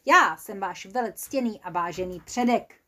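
A woman's voice: mid-range voice, pushed and bright, pitched below the performer's own voice. A woman voicing a grumpy, touchy tiny old dwarf who talks in an indignant, huffy way.

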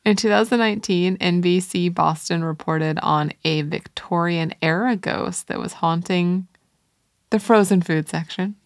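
A woman's voice: lowish voice, a little slow, no room sound, studio quality. A woman co-hosting a podcast, telling strange stories in a playful, casual way. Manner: playful, laughs between lines. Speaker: podcast co-host. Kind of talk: casual storytelling.

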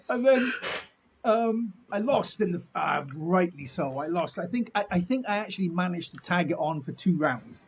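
A man's voice: high voice, lively intonation, measured pace, slight background noise. A middle-aged man, telling anecdotes in casual chat in a jokey, self-deprecating, mildly sweary way. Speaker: martial artist being interviewed.

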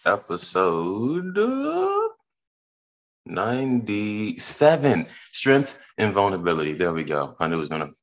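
A man's voice: low voice, expressive, fairly quick, few pauses, fairly bright tone, dull audio. A hungover man hosting a podcast in loose, slangy, profane, rambling casual chat. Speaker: podcast host.

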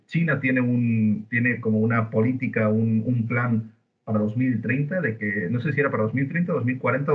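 A man from Spain, a podcast guest chatting casually from Buenos Aires over a remote call, halting with fillers and restarts. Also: medium pitch. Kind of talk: casual opinion chat. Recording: tinny phone-like line.

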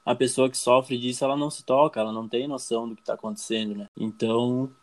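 A young man with a Brazilian accent speaks casually and pauses often. He hesitates and restarts, searching for his words as he answers questions. His voice sits at an ordinary middle pitch. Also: fairly even intonation. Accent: Brazilian Portuguese. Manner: hesitant, many fillers and restarts. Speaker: guest.

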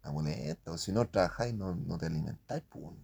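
Chilean guy rambling about printing, low gravelly husky voice, lots of slang. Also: expressive, fast, a little mellow. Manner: slangy, rambling, makes printer sound effects. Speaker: print shop worker. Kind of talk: casual rambling monologue.

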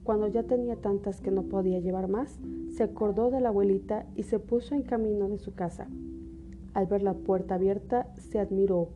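A woman's voice: medium pitch, steady tone, normal speed, background noise. A woman narrating a scripted fairy tale as a storyteller. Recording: music behind the voice.

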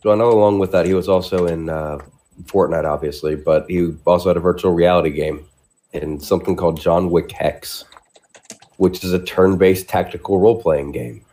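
A man's voice: low-pitched, fairly even intonation, moderate pace, warm tone. A man co-hosting a podcast, chatting casually about movies in long, rambling explanations with frequent restarts. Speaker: podcast co-host. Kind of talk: casual chat.

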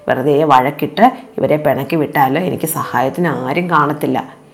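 A woman narrating a children's animal fable in a gentle, unhurried storytelling manner. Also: deep voice, creaky.

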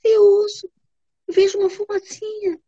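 Anxious young sisters from a fairy tale calling out in a shrill, very high voice, as a woman storyteller puts them on. Urgent and breathless in tone. The recording is dull and lo-fi. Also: level tone, normal speed, dark tone, dry recording.

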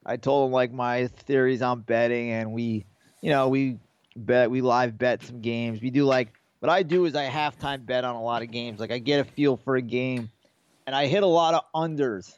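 A man's voice: medium pitch, fairly even intonation, moderate pace, smooth, no room sound, muffled recording. A man co-hosting a podcast, telling rambling, profane stories and acting out the people in them. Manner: rambling storyteller, swears freely, acts out quotes. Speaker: podcast co-host. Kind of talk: casual sports betting chat.

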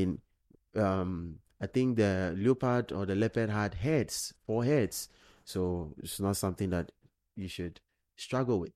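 A man walks through scripture verse by verse in a loose, rambling teaching style, full of "you know" asides and sudden bursts of excitement. His voice sits low and sounds warm and mellow. The recording is close and dry. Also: dry recording. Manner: rambling, thinks aloud with many "you know" fillers. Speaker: Bible teacher. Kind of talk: informal Bible study commentary.

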